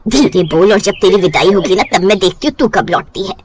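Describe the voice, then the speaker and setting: A woman's voice: mid-range voice, animated, brisk, slight background noise, voice pushed down, lightly acted. A woman voicing a blunt, teasing middle-aged mother in a cartoon story. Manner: teasing, dry jokes.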